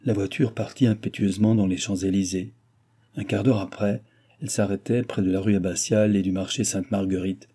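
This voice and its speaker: A man reading a classic novel aloud in measured, even narration. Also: lowish voice, slightly rough. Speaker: audiobook reader. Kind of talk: scripted narration.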